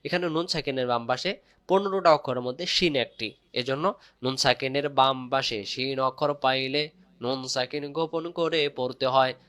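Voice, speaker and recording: A man teaching Quran recitation step by step, drilling syllables slowly and repeating words loudly for emphasis. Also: medium pitch, steady tone, clear, resonant tone, dry recording.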